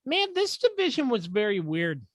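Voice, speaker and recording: A man's voice: sits high, huge pitch swings, moderate pace, no echo. A man hosting a casual sports podcast, joking sarcastically and tripping over his words. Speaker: podcast host.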